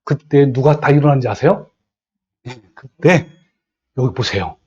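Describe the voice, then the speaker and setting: A middle-aged man preaching a sermon as a pastor, animated, acting out quoted speech and putting questions to the congregation. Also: mid-range voice, unhurried, breathy edge, highs cut off.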